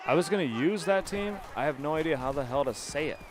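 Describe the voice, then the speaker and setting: A man's voice: on the high side, lively intonation, fast talker, a crowd in the background. An American man streaming a video game, chatting casually and telling rambling stories with some swearing. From United States. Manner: rambling storyteller, swears, laughs. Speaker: gaming streamer. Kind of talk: casual chat while playing.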